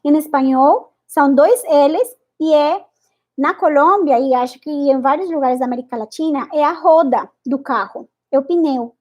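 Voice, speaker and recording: High-voiced woman teacher. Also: darkish tone. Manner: repeats each word several times, deliberately exaggerated articulation. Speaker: Spanish teacher. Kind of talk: pronunciation lesson.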